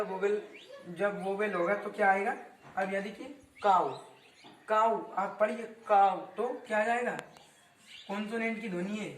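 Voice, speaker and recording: A young teacher, high-voiced, walks his students through grammar in Hindi, quizzing them, repeating words, and frequently stopping to correct slips. Because the mic is distant, the audio carries a roomy echo and some faint background noise.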